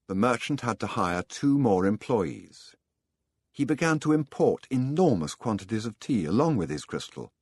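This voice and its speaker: A man narrating an audiobook in a calm storytelling manner. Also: on the low side, husky, no room sound.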